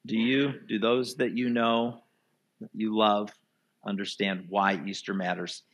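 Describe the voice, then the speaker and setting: A man's voice: on the low side, flat delivery, a little slow, a bit bright. A man giving a sermon as pastor, earnest and asking the congregation rhetorical questions. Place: church before a live congregation.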